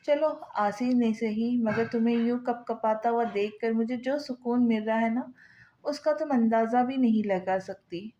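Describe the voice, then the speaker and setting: A woman's voice: fairly high pitch, measured pace, dark tone, muffled recording, lightly acted. A woman voicing a cruel, taunting young husband who mocks with false tenderness, read in her own voice from a novel. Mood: mocking.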